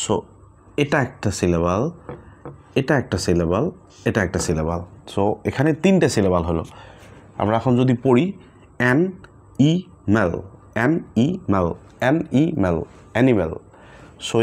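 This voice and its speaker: A man teaching an English pronunciation lesson, stretching out words slowly as he demonstrates them. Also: lowish voice, darkish tone. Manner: slow, drawn-out word demonstrations.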